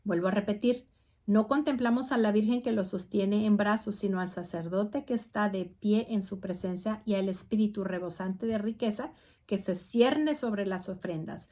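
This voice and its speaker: A woman's voice: medium pitch, moderate pace, mellow. Woman reading devotional doctrine aloud. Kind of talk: religious talk show.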